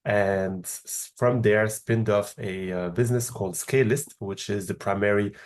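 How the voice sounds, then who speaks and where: On the low side and fairly even in intonation, this man's French-accented voice belongs to a thirties-aged startup founder from Morocco. As a podcast guest, he answers interview questions in a measured, explanatory style, often hesitating.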